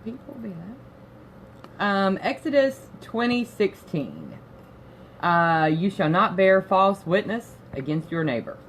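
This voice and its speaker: A woman's voice: medium pitch, very animated, slow, slight background noise. Teasing woman reading scripture off-mic. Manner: teasing and sassy. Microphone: off-mic, farther than the host.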